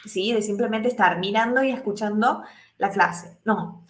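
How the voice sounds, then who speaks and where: A woman teaching English in a live class, explaining step by step, checking in with her students constantly and voicing the example sentences higher. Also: normal speed, fairly bright tone, reverberant. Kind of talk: live online English lesson.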